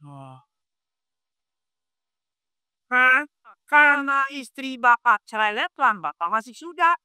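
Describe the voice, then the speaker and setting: A man preaching a sermon in a lively, conversational way, firing quick rhetorical questions at his congregation. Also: extremely high pitch, clean tone, no echo, studio quality. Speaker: Islamic preacher.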